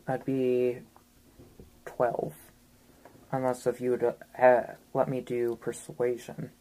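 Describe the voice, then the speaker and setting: Very low-voiced woman player, hesitant. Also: completely flat delivery, takes it slowly, mellow, rough recording. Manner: hesitant, many ums and restarts. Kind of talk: casual tabletop play.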